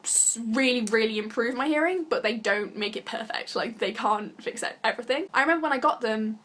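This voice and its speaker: A woman's voice: fairly high pitch, fairly quick, a bit bright. A young woman from Britain chatting casually to camera as a vlogger, giggly and full of fillers. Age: young adult. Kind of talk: casual vlog talk to camera.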